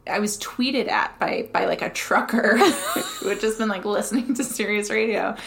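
A woman co-hosting a podcast in casual chat, with a creaky vocal fry and an informal, "like"-peppered way of talking. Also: medium pitch, normal speed, background noise. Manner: informal, uses "like" often. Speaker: podcast co-host. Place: live-work space.

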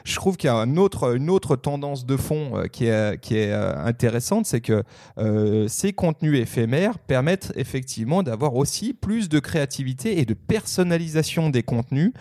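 A man co-hosts a relaxed podcast conversation in a dark, gravelly voice. He keeps pausing on fillers and restarting his sentences. The sound is dry and close. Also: medium pitch, no echo. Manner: hesitant, many fillers and restarts. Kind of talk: casual podcast discussion.

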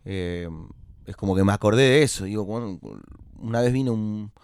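A man's voice: fairly low pitch, normal speed, a little mellow, clear, resonant tone, dry recording. An Argentine man hosting an interview podcast, speaking hesitantly with many restarts and fillers. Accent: Argentine Spanish. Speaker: podcast host. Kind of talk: casual interview conversation.

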